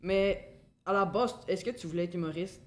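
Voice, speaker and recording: A man's voice: sits high, normal speed. A man hosting a podcast who asks his guest interview questions in a hesitant way, with fillers. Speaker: podcast host.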